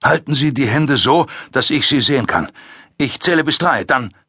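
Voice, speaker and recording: A male narrator playing a nervous cop in an audiobook thriller, snapping commands that carry a slight tremble. The tone is bright and a little husky, pitched above the plain narration, with a dry close sound. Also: lively intonation, moderate pace, dry recording, exaggerated voice. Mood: tense. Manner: barking commands with a shaky edge. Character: young male police officer, tense and shaky.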